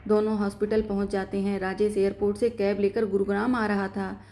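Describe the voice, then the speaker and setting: A woman's voice: medium pitch, level tone, a little fast, dark tone. A woman narrating a scripted emotional story and reading every character herself.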